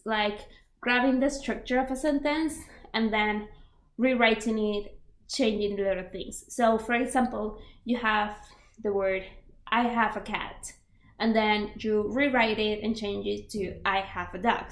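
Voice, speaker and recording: Her medium-pitched voice echoes in a reverberant room as this young Spanish-accented woman, a native Spanish speaker, offers casual language learning advice. She leans heavily on fillers and examples.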